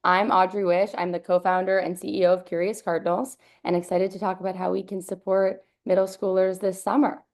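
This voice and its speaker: A young woman, founder and CEO of a company, presents on a webinar over a video call. She speaks at a middle pitch, upbeat and fluent, with only an occasional "um". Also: flat delivery, a little fast, few pauses, darkish tone. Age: young adult.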